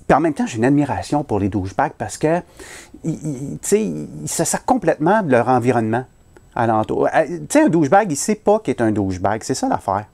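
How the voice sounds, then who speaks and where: A man's voice: mid-range voice, gravelly, darkish tone. A man with a Québécois French accent performing a comic story, self-mocking and punchline-driven.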